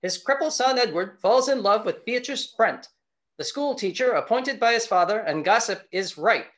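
A man reading aloud in a put-on Mid-Atlantic radio voice from the 1920s, lofty and measured. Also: sits high, animated, fairly bright tone, pitched above the performer's own voice. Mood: grand.

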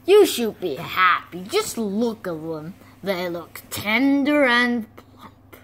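A woman voicing a calm, smug cartoon rabbit who explains things in a dry, matter-of-fact way. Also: mid-range voice, slow, full character voice.

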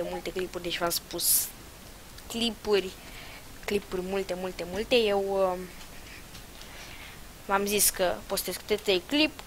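A young woman talks over her own gameplay at a middle pitch, swinging between loud outbursts and muttered asides. A faint hiss sits under her voice. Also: poor audio. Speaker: gaming channel host. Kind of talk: casual gameplay commentary.

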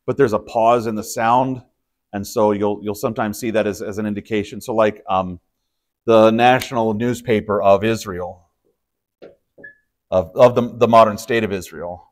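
A pastor from Texas, his voice lowish and fairly even at a normal pace, runs an informal Bible study in a church study room. He explains conversationally, often using fillers and starting sentences over.

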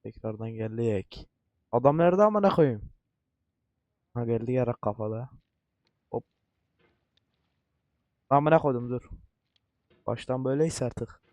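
A man's voice: mid-range voice, unhurried, pauses often, dry recording. Frustrated cursing man playing a game. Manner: frustrated, cursing, coaching himself to stay calm; repetitive outbursts. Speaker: gaming YouTuber. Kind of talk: swearing let's-play commentary.

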